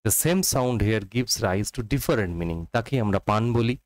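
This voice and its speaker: Male tutor, Bengali accent, slow exam-prep lesson delivery, low voice. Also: lively intonation, no echo, low-quality recording. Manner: reads quotations slowly, explains rapidly in Bengali mixed with English. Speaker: teacher.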